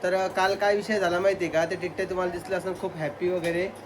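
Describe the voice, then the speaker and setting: A man's voice: high-pitched, level tone, fast talker, noisy background. A man chatting casually with viewers as a family vlogger. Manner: chatty, talks straight to viewers. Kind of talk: casual family vlog chat.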